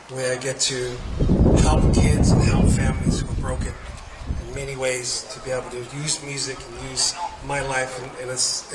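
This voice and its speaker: On an arts center stage at a festival, a slack key guitarist from New Zealand, middle-aged with a mid-range voice, chats between songs in a rambling, heartfelt way, laughing a lot. He uses a stage microphone, heard in a roomy live recording taken from a distance amid loud crowd and hall noise.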